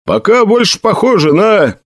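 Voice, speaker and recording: A man voicing a rough soldier who yells at his troops. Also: high-pitched, very animated, normal speed, no echo, voice pushed up, heavily acted. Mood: gruff urgent. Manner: gruff yelling. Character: rough male sergeant-type officer, bold.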